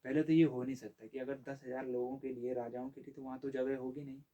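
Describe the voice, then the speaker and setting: A man teaching a literature lesson in a mellow, relaxed voice at an ordinary pitch. He draws out recited verses slowly, then explains them in a loose, talky way, posing questions and answering them himself. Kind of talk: exam-prep lesson explaining poetry.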